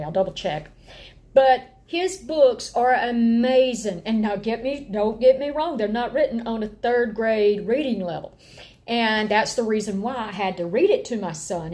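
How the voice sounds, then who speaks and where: A middle-aged woman with an Appalachian accent talks casually to the camera. Her voice sits a little high, and her delivery is folksy and animated, like an informal homeschool host chatting from home. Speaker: homeschooling parent and vlog host. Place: indoor room at home.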